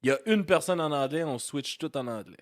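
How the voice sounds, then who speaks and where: A man with a Québécois accent hosting a casual podcast chat, animated and quick to swear and laugh. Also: fairly high pitch, no room sound, clean studio sound. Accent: Québécois French. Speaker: podcast host.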